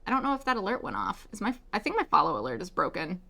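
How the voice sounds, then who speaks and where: A woman's voice: medium pitch, very animated, very fast, gravelly, sharp tone. Chatty woman hosting a casual game livestream. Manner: chatty, welcoming to viewers. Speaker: game streamer, host. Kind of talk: casual livestream chat and reading game dialogue aloud.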